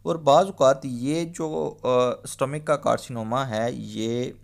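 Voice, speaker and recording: A man gives a medical exam-prep lecture that mixes Hindi-Urdu and English, speaking slowly in a medium-pitched voice with vocal fry. His style is explanatory: he repeats key terms and keeps checking in with the listener, often saying "theek hai".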